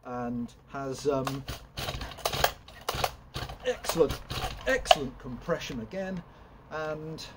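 A young chainsaw vlogger talks slowly in a mid-range voice, pausing often as he meanders through a casual walkthrough riddled with fillers and restarts. The camera sits at a distance in an open woodshed lined with log piles, and the recording is very noisy.

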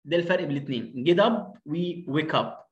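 A man's voice: a little high, lively intonation, fairly quick, highs cut off. A man with an Egyptian Arabic accent teaching English phonics, repeating each word again and again with emphatic stress. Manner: drills words by repeating them, emphatic. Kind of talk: online lesson. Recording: roomy echo.

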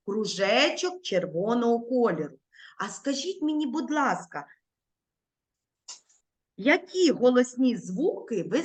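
Woman teacher on a video call, slow and clear, lively, rising pitch, warmly coaxing small kids through a lesson. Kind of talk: online lesson for young children. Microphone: computer mic on a video call.

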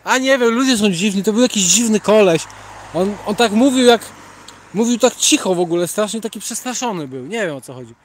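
Chatty high-voiced man on a night walk. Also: lively intonation, fairly quick, a little hiss or hum. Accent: Polish. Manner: chatty, rambling, reads viewer names aloud and greets them. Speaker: livestream host reading chat. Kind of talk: casual live chat while walking. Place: outdoors on a city sidewalk at night.

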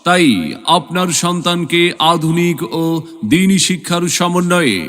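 A man with a Bangladeshi accent reads a scripted promotional announcement in a formal, measured, proclaiming way, drawing out repeated phrases. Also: sits high, steady tone, a bit bright. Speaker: announcer for a school admission advert. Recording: long reverb, music behind the voice. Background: background music.

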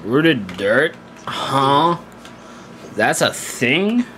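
Slow-talking young male streamer. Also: mid-range voice, big pitch swings, pushed and bright. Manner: rambling, laid-back, laughs easily. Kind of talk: casual gaming stream chat.

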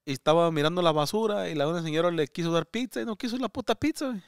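A man co-hosting a casual comedy podcast, rambling and switching between Spanish and English, with loud laughs. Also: high-pitched, very fast, clear, resonant tone, no room sound, clean studio sound. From United States. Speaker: comedian co-host.

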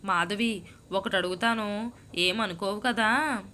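A woman voicing a patient, puzzled woman friend who keeps asking gentle questions, in a storybook reading. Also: mid-range voice, slow pace, a little hiss or hum. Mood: concerned.

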